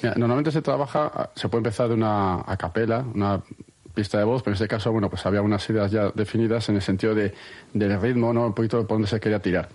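A man, a music producer, explaining his work in a relaxed, hesitant way on radio. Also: fairly low pitch, quick pace. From Basque Country. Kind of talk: radio interview answers.

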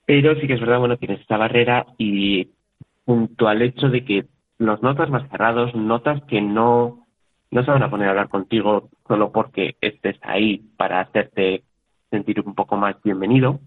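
A man from Spain chats freely as a guest in a casual interview, restarting often and acting out little quoted exchanges. His voice is lowish with fairly even intonation and a moderate pace. The line sounds tinny, like a phone.

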